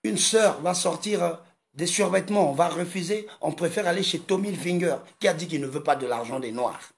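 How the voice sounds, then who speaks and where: A man from Congo delivering an impassioned monologue in a slow, emphatic, repetitive manner. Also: a little high, creaky. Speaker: video commentator.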